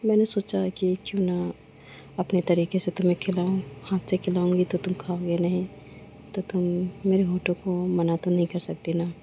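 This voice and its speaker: A woman's voice: on the low side, flat delivery, normal speed, gravelly, warm tone. A woman voicing a teasing, stubborn young woman. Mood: insistent. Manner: teasing, insistent. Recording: dull lo-fi with faint noise.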